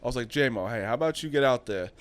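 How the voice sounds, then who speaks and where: A man chatting casually with friends, his voice smooth and clean with a dry, close sound. He tells stories freely, laughs a lot and swears now and then. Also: medium pitch, lively intonation, quick pace, dry recording. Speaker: podcast co-host. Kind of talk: casual chat.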